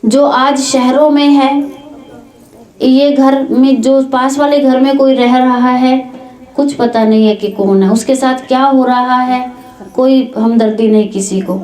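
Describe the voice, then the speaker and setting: A woman's voice: high-pitched, a little mellow. A woman giving a spiritual discourse at a village gathering, explaining her points with spoken examples. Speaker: spiritual speaker. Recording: echoey room.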